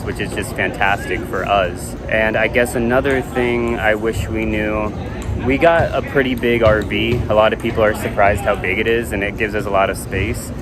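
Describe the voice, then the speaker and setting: Male vlog co-host, lower-pitched, loose informal delivery for a casual Q&A, music underneath. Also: noisy background. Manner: informal, occasional swearing. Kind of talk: casual chat answering viewer questions.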